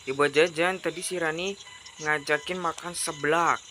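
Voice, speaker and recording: Whiny little daughter read by a woman, pleading for money, loud background noise. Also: low-pitched, fairly even intonation, moderate pace, lightly acted. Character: girl asking her father for money.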